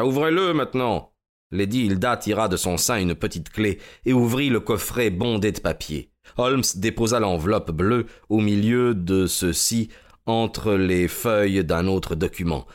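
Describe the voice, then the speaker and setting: A man reading the narration of a classic detective story in a low, even storytelling delivery. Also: measured pace. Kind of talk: scripted audiobook narration.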